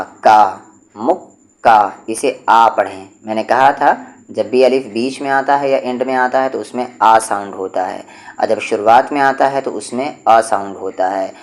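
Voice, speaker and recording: A man teaching an Urdu reading lesson, going slowly and patiently, repeating each rule and sounding out syllables one by one. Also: fairly low pitch. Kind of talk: step-by-step spoken lesson.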